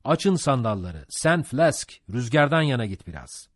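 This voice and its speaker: A gruff old whaling captain, put on by a male reader, bellows orders across the deck. His husky voice swings sharply up and down as he commands. The recording is close and dry. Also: medium pitch, big pitch swings, measured pace, no echo, voice pushed up. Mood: stern. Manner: barking orders.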